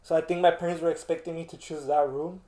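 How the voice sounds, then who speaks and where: A man's voice: fairly high pitch, level tone, quick pace, mellow. A young man chatting casually like a laid-back stoner, slangy and full of swearing. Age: young adult. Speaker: co-host. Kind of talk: casual chat. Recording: roomy, echoing indoor sound.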